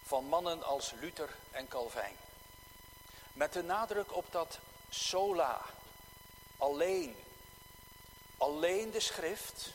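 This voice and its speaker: A man preaching a sermon in a slow, measured, emphatic way. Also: a little high, in a large hall, a little hiss or hum, poor audio.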